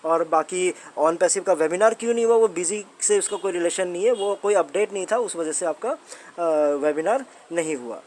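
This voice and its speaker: High-pitched but at a normal speed, this man's voice has a darkish tone and a touch of hiss or hum. He has an Indian accent and hosts a channel commenting on a company's updates. His style is relaxed explainer talk that circles back over points and asks the listener rhetorical questions.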